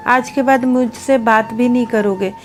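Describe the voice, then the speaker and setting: A woman's voice: on the high side, fairly even intonation, unhurried, faint music behind, close to an everyday voice. A woman voicing a hurt, angry young married woman who speaks sharply in a storybook reading. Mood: firm. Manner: sharp, exasperated delivery.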